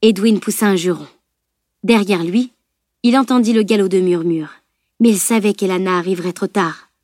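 A woman's voice: mid-range voice, normal speed, a little mellow, no echo, studio quality. Woman narrating a novel aloud. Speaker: audiobook narrator.

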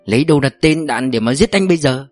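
A man's voice: mid-range voice, lively intonation, quick pace, no echo, soft background music, lightly acted. A man voicing an eager young security guard. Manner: polite, eager.

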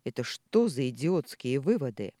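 A reader voicing a patient, tired middle-aged father who speaks calmly and reasons, in a read-aloud story. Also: mid-range voice, normal speed, dry recording, clean studio sound, lightly acted. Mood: weary. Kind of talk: audiobook character voicing.

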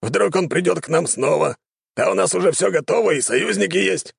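Guy doing a gnome king, high creaky husky voice, loud and theatrical. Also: brisk, no room sound, clean studio sound, exaggerated voice. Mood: scheming. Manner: exclamatory, theatrical. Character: excitable scheming male gnome king. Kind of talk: audiobook character voice.

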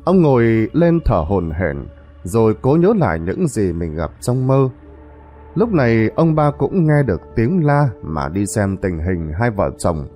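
A man narrates a horror story in a mellow, warm voice, building suspense. His pitch moves expressively up and down. Faint music plays underneath. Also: big pitch swings, a little slow.

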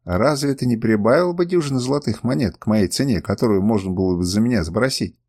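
A man's voice: lowish voice, quick pace, darkish tone, lightly acted. A man reading an audiobook, voicing a proud, fiery young woman who turns defiant, pleading and spiteful. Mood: challenging.

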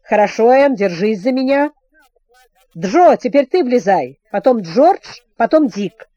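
Calm, eager teen boy leading the group in a storybook, read by a woman, mellow tone, lively lilt. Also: on the high side, measured pace, dry recording, dull audio. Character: adventurous teenage boy, calm leader.

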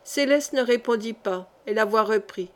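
A woman narrating a historical novel as an audiobook, in a measured, expressive reading. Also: on the high side.

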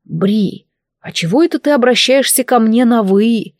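A woman's voice: on the high side, unhurried, a little mellow, no room sound, clean studio sound, lightly acted. A woman voicing a drowsy, teasing male dragon prince in a storybook reading.

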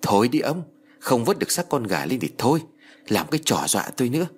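A man voicing a middle-aged village wife who scolds her husband briskly in an audio story. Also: mid-range voice, big pitch swings, slightly rough. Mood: scolding.

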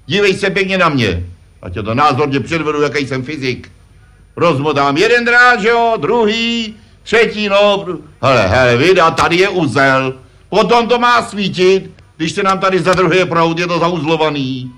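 A man's voice: fairly high pitch, expressive, pushed and bright. Spejbl, a pompous puppet father. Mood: lecturing. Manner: self-important, lecturing, fond of "že jo". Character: pompous blustering puppet father, know-it-all. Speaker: puppet performer. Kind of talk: vintage puppet comedy sketch.

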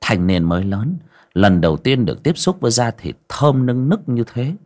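A man narrating an audio story in a lively storytelling manner. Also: mid-range voice, moderate pace.

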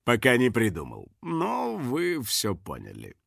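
A man voicing a smug scheming male hunter in a storybook reading, slow and mocking. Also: mid-range voice, huge pitch swings, gravelly, a bit bright, no echo, clean studio sound, full character voice.

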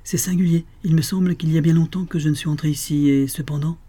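A dazed young baroness who keeps grasping for lost memories, as a male audiobook reader puts her on. Her voice sits higher than the reader's own, with a husky, mellow grain. Her sentences drift and then break into helpless cries. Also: steady tone, fast. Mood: bewildered. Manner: bewildered, breaking into anguished cries. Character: young noblewoman, confused and fragile. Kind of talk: audiobook character voice.

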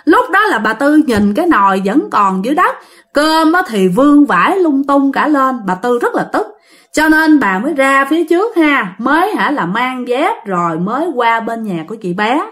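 Chatty woman telling ghost stories. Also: on the high side. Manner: chatty, addresses listeners directly. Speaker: storyteller. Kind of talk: ghost story narration.

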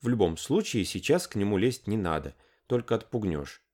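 Fed-up, mocking young woman, as a male reader plays her, deep read, lively rises. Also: moderate pace. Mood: weary, exasperated. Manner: tired and mocking. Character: weary, sharp-tongued young woman.

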